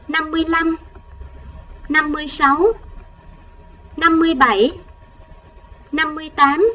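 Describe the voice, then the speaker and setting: A woman primary school teacher giving a recorded math lesson to first graders, counting patiently and gently coaxing the children along. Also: high voice, recorded from a distance, highs cut off.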